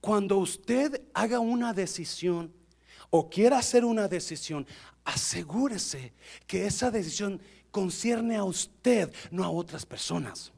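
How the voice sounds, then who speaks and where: A male pastor preaching an animated, joking sermon and addressing the congregation directly. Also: sits high, a little slow, creaky.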